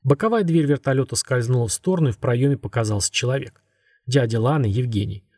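Мужчина с сипловатым голосом читает книгу. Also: male voice, mid-range voice, fast talker, darkish tone, no room sound, studio quality. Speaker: audiobook narrator. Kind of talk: scripted narration.

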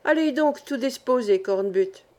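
A woman voicing a kindly older male village priest, speaking in a measured, mildly questioning way. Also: fairly high pitch, lively intonation, darkish tone. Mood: calm.

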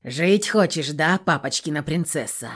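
A woman's voice: deep voice, lively intonation, normal speed, husky. A woman voicing a leering, vulgar thug. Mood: mocking. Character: crude brutish male kidnapper thug.

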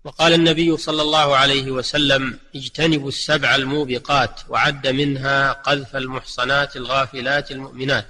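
A man delivering a scripted religious lesson in formal Standard Arabic, with a measured, classical delivery. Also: medium pitch, pushed and bright. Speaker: religious teacher giving a recorded lesson. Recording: long hall-like reverb.

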